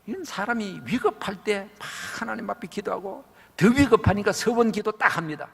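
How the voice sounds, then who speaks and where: Male revival preacher, husky and gravelly, dramatic storyteller in a reverberant sanctuary. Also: sits high, expressive, fairly quick. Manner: dramatic storytelling, acts out quoted voices, swings from loud to hushed. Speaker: pastor. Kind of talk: revival sermon. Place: large church sanctuary. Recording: church hall with long reverb.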